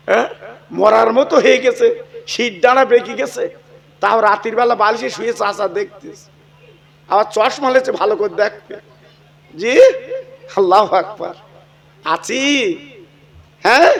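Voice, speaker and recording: A male preacher tells a story in a sermon and acts out the dialogue, with asides to his listeners. His voice sits very high and rings bright. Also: gravelly.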